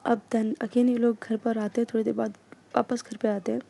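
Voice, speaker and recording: A woman tells a story in a relaxed, chatty way, dropping English fillers between her lines. Her voice sits a little high, mellow and gravelly. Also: normal speed. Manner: mixes English fillers into narration. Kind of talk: casual audio story narration.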